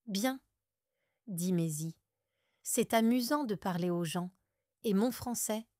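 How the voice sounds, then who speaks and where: A woman's voice: medium pitch, slow pace, a little mellow, no echo, studio quality, natural voice. A woman reading a shy, eager young Scottish woman. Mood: cheerful.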